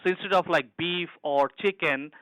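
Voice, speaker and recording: A man's voice: fairly high pitch, normal speed, pushed and bright, no echo, poor audio. A middle-aged man from Bangladesh, an executive chef answering interview questions earnestly, with frequent restarts and broken grammar.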